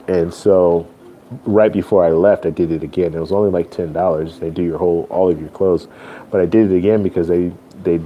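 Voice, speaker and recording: A man hosting a casual live stream, chatting with viewers in a halting, rambling way. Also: sits low, dark tone, muffled recording. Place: airport waiting area. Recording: faint airport background noise.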